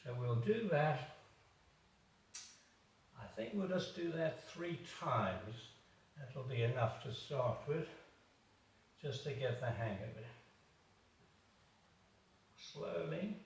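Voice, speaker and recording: A man, a doctor, slowly coaching home exercises while demonstrating them, a little out of breath. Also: medium pitch, lively intonation, slight background noise. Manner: slow, encouraging, demonstrating while talking. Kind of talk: instructional exercise video. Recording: echoey room, far from the mic.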